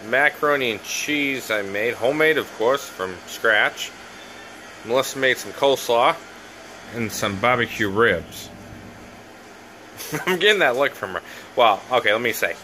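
A man's voice: medium pitch, pushed and bright. A middle-aged man, chatty and upbeat, narrating a casual vlog to a handheld camera. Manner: chatty and upbeat, talks to viewers as he goes. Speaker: vlogger and truck driver. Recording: noisy handheld recording.

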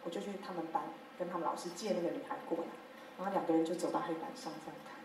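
A woman's voice: lowish voice, very fast, a little hiss or hum. A woman teacher with a Taiwanese Mandarin accent tells classroom stories to other teachers in a workshop talk, playing out her pupils' lines and laughing along. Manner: lively storytelling, acting out pupils' lines with laughter. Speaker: teacher sharing classroom methods. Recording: very echoey hall from far off.

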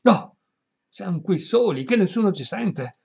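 A man's voice: mid-range voice, steady tone, a little fast, close to an everyday voice. A man voicing a cowardly, irritable older country priest who speaks in a peevish, fretful raised voice, in a dull lo-fi recording. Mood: fearful.

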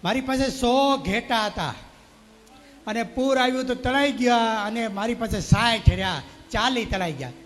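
A man's voice: extremely high pitch, moderate pace, fairly bright tone, long reverb tail, voice pushed up. A man with a Saurashtra Gujarati accent voicing a poor shepherd who pleads and complains in a told story. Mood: pleading.

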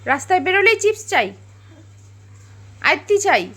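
High-voiced mother coaxing a toddler. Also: sing-song, unhurried. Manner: gentle coaxing, mildly scolding. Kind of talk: home vlog, talking to a small child.

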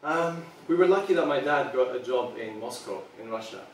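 Filmed from far back in a meeting room, this man in his thirties from Serbia is a product designer presenting earnestly to a few listeners. His medium-pitched delivery is animated and moderately paced, broken by frequent ums, and the room sounds very echoey.

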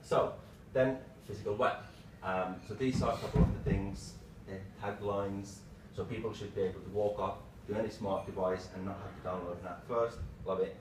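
A man gives a casual slide talk in a low-pitched voice, speaking in short, broken phrases. He is picked up from across a small meeting room, with plenty of room reflection and clearly audible noise. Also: fairly even intonation, normal speed, hardly any pauses. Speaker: tech presenter, developer. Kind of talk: informal slide presentation, lightning talk. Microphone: far camera microphone. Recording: roomy, distant mic with clear background noise.

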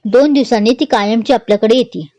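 A woman's voice: on the high side, fast talker, mellow, dry recording, natural voice. A woman storyteller voicing an easygoing young man who teases and reassures his family. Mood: reassuring.

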